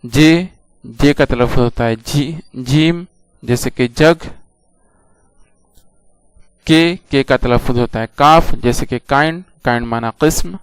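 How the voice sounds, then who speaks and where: Slow, clear-voiced male language teacher. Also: mid-range voice, no echo. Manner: patient, repeats each letter and example. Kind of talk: slow, deliberate classroom instruction.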